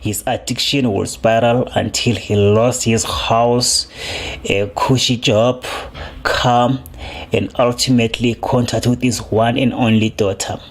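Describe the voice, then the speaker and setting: A man narrating a news feature in a measured, scripted delivery. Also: mid-range voice, fairly even intonation. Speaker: news reporter.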